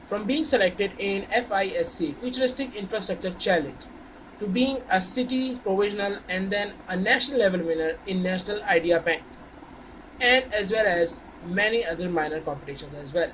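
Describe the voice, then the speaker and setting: A man's voice: sits high, expressive, moderate pace, fairly bright tone, slight background noise, low-quality recording. A young man from Saudi Arabia presenting his startup and answering questions in an earnest, formal way. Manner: earnest, formal, with polite "sir". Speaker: startup founder. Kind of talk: startup pitch and Q&A.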